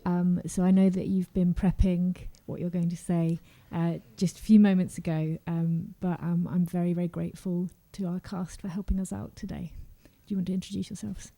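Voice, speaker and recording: A woman directing the panel, introducing guests softly and hesitantly. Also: fairly low pitch, little pitch movement, normal speed, gravelly, hardly any pauses.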